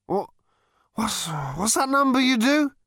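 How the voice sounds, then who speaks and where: A man's voice: very high voice, lively intonation, unhurried, fairly bright tone, no room sound, studio quality, pitched above the performer's own voice, heavily acted. A man voicing a drunk male alien traveller who rambles in a slurred, overfamiliar way. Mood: tipsy, rambling.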